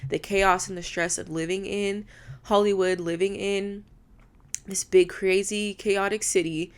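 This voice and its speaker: A woman in her twenties hosts a solo podcast from a rented apartment room, speaking candidly and from the heart while swearing freely. Her mid-range voice is clear and resonant, with a steady tone and a measured pace.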